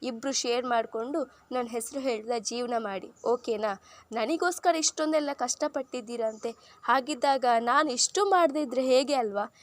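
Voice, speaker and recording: Brief: woman reading a sneering, defiant male tycoon, high voice, contemptuous. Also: moderate pace, natural voice. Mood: mocking. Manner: mocking, contemptuous. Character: arrogant defiant young businessman, taunting rival.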